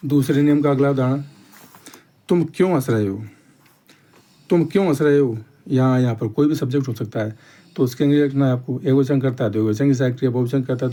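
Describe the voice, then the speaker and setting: In a mellow voice of middle range, a man takes his class through grammar step by step. He explains unhurriedly and repetitively, often stopping to ask "theek hai."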